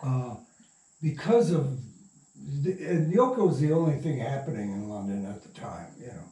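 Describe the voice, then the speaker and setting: Speaking at a normal speed in an animated, mellow mid-range voice, this older interview guest tells stories from his past in a loose, rambling, casual way. He sounds distant from the microphone in an echoey room.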